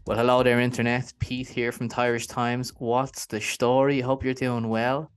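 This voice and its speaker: A man's voice: medium pitch, flat delivery, moderate pace, smooth. A man hosting an interview show, chatting in a friendly, upbeat way. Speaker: podcast host and interviewer. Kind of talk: casual interview.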